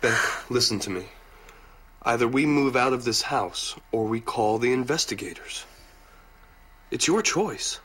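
A man's voice: medium pitch, expressive, a little slow, pauses often, fairly bright tone, husky. A man playing a concerned, supportive husband in a dramatic re-enactment. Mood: firm.

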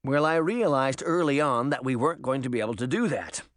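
A man's voice: medium pitch, a little fast, no echo, studio quality, close to an everyday voice. A man reading the lines of a casual, easygoing uncle in an audiobook. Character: relaxed easygoing uncle, middle-aged man.

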